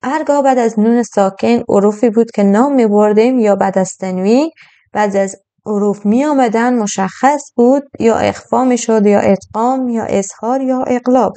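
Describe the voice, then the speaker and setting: A woman, teaching Quran recitation step by step. She explains patiently and draws out the recited verses slowly. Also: a little high, mellow.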